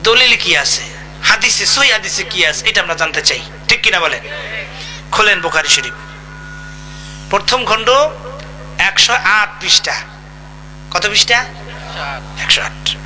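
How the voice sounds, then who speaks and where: A man's voice: high-pitched, animated, moderate pace, pauses often, pushed and bright, low-quality recording. A man preaching a sermon, emphatic and asking his listeners rhetorical questions. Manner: emphatic, asks the audience questions. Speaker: Islamic preacher.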